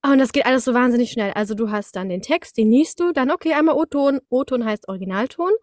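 A woman, an interview guest who works as a voice actor, chats casually about her job, telling animated stories and acting out little moments with sound words along the way. Her voice is on the high side and quick, recorded with no echo.

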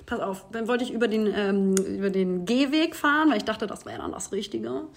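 A woman co-hosting a podcast in casual chat, telling a story with animated quotes and frequent laughter. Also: medium pitch, moderate pace. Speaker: podcast co-host.

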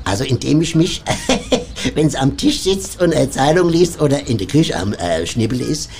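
A man's voice: mid-range voice, lively intonation, moderate pace, a little mellow, a little hiss or hum. A man doing comedy banter, giggly and teasing, nagging his partner.

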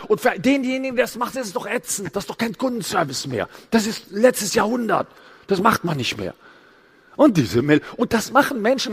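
Speech trainer, middle-aged man, high and bouncy voice, comic stage talk. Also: slightly rough. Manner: animated, mimics people in sing-song voices. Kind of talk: lively comic keynote talk.

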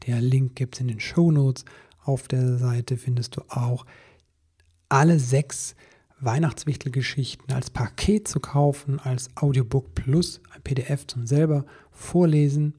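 A man narrating a children's Christmas story as a podcast host, in a calm, expressive reading. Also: mid-range voice, a little slow, breathy edge.

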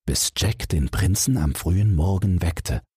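An audiobook narrator with a deep, very husky male voice tells a scripted bedtime fairy tale in a measured, expressive way. The recording is dry and cleanly studio-produced.

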